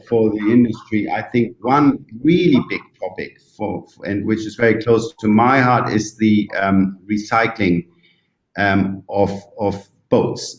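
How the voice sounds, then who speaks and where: Man, German accent, native German speaker, roomy echo, halting, translating in his head, thoughtful interview answers. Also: medium pitch. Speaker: interview guest from the yachting industry. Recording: roomy, echoing sound.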